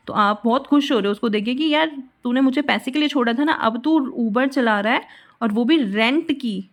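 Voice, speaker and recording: High-voiced woman teaching vocabulary. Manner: patient, repeats words slowly and spells them out. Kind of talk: explanatory lesson with memory tricks.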